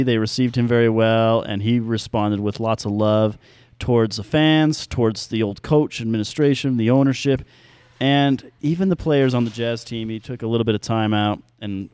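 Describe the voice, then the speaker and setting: A man's voice: medium pitch, a little mellow, clean tone, no echo. A man with an American accent talking casually as co-host of a sports podcast.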